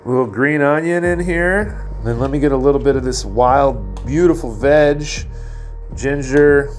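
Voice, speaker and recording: A man's voice: medium pitch, normal speed. American chef guy vlogging in his little kitchen, hyped and showy, faint music under it. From United States. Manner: enthusiastic, showman-like. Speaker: chef and vlog host. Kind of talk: casual cooking vlog. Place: small home kitchen.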